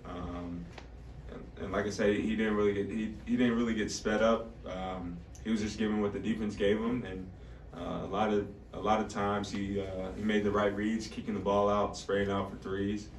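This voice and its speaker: A college basketball player in his twenties answers like an athlete at a press conference, halting as he goes, in a lowish and very even voice. The mic is distant in an echoey room, with faint noise.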